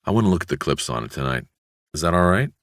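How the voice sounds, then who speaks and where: Man playing a guarded, deep-voiced detective. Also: big pitch swings, fast talker, no echo, clean studio sound. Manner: low, clipped and guarded. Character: weary male police detective.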